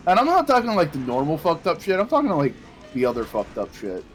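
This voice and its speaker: A man's voice: fairly high pitch, fast talker, soft background music. Rambling, swearing man on a stream. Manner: rambling, swears casually, stammers when excited. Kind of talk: casual chat while gaming.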